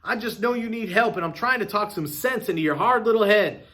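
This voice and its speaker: A man's voice: high voice, lively intonation, brisk, a bit bright, pitched above the performer's own voice. A man doing a pleading, anxious shopkeeper. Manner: urgent, pleading, raised voice. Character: anxious middle-aged male shopkeeper, pleading.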